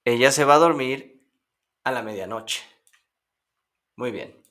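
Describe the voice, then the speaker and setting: Bright-voiced man teaching slowly. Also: medium pitch. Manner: slow, deliberate model sentences for repetition. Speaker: English teacher. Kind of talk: online language lesson.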